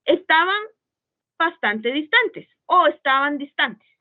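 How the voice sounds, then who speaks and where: A woman's voice: high-pitched, expressive, slow pace. A woman teaching an online writing class, patient and checking often that students follow. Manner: patient, checks understanding with frequent "¿sí?". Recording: tinny phone-like call audio.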